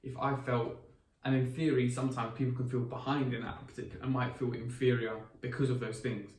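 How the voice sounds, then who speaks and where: A man, twenty years old, co-hosts a podcast in laid-back chat, rambling through many restarts and fillers. His voice is medium in pitch, level, fairly quick, and a little mellow, captured by a distant mic in an echoey room with faint ambience.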